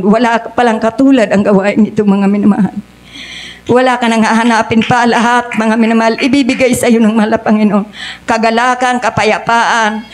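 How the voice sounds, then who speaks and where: A middle-aged woman giving an earnest church testimony in a church, calling her listeners beloved again and again. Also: fairly high pitch. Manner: earnest, addresses the congregation as "mga minamahal" again and again.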